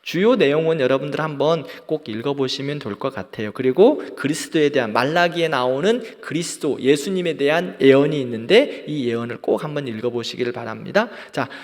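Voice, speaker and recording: A man's voice: mid-range voice, expressive, brisk, few pauses. A man teaching a church Bible class, leading group readings and acting out quoted retorts. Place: church hall. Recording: long hall reverb.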